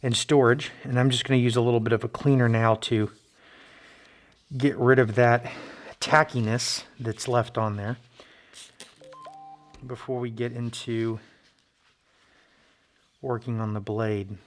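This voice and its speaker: A man narrating a casual hands-on build vlog in a halting, low-key, modest way, his voice slightly muffled by a face mask. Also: steady tone. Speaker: hobbyist knife maker and video host. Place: friend's basement workshop.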